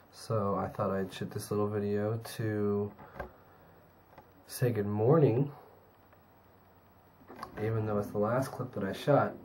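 A young man talking to his own camera in a casual daily vlog, rambling with fillers, hoarse and tired from a cold. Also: a little hiss or hum. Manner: low-key, rambling with fillers. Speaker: vlogger.

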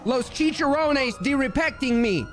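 A man's voice: very high-pitched, expressive, unhurried, music in the background. A man role-playing in character on a headset mic, with a put-on Cuban accent and broken Spanish phrases. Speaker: role-play gamer. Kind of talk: in-character role-play chat.

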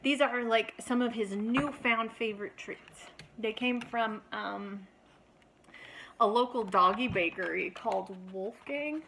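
A woman's voice: fairly high pitch, slow pace, vocal fry, fairly bright tone, slight background noise. A woman chatting casually in a home vlog, playfully baby-talking to her dog at a table. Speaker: vlogger, dog owner.

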